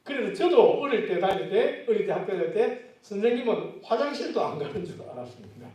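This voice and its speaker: Male pastor, middle-aged, high voice, chatty sermon delivery, heard from a distance in a very echoey church hall. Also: sing-song, brisk, darkish tone. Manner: conversational preaching with questions to the congregation. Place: church sanctuary. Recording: very echoey church, mic far off.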